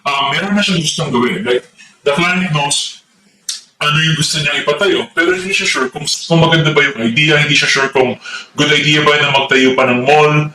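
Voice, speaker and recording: A man's voice: a little high, brisk, pushed and bright. A man with a Filipino accent giving a conversational architecture lecture, switching between English and Tagalog and often checking in with "okay?". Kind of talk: explanatory lecture. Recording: echoey room, mic at a distance.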